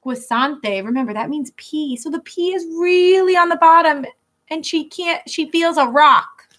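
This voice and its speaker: An elementary school teacher reads a picture book aloud to her pupils in a bright, high voice, going a little slowly. She reads expressively but in a teacherly way, pausing for asides that translate and explain words simply.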